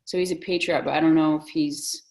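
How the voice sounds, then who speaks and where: A woman's voice: low voice, steady tone, a little fast, darkish tone, low-quality recording. A woman from the Soviet Union in a casual film discussion, talking thoughtfully and hedging her opinions. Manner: thoughtful, hedging, restarts often. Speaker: discussion guest.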